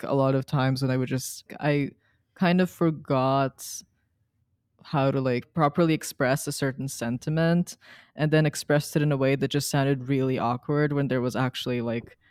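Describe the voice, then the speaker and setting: A young woman from Serbia, a student, talking casually in an interview with many pauses and fillers. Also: extremely low pitch, steady tone, darkish tone, clean tone, no echo, clean studio sound. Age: young adult. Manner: hesitant, many ums and likes. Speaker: guest, student researcher.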